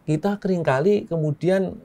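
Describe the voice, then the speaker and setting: Pastor santai bercanda sambil tertawa kecil. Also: male voice, fairly high pitch, normal speed. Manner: relaxed, chuckling, keeps adding "gitu kan ya". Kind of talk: casual chat, telling a joke then reflecting.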